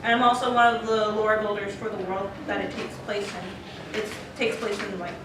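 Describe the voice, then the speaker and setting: A woman who creates podcast characters tells stories casually and emphatically as a convention panelist, her mid-range voice level at a moderate pace. A distant microphone picks her up in an echoey, noisy panel room.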